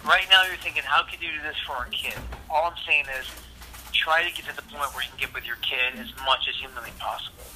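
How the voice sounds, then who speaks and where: A man's voice: on the high side, fairly even intonation, fast, pushed and bright, a little hiss or hum, low-quality recording. A man heard over a phone on speaker, giving casual, blunt advice in a direct, matey way. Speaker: adviser on a phone call.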